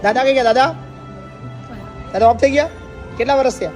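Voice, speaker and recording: High-voiced man reassuring elderly women. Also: brisk, faint music behind. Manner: reassuring, repeats questions back. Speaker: old-age home organizer and vlogger. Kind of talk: casual interview.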